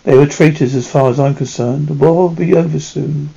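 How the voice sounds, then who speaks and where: Man playing a creaky-voiced, surly captive lieutenant. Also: a little high, fairly quick, mellow, dull audio, full character voice. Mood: cold, defensive. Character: surly, self-serving German lieutenant, prisoner of war.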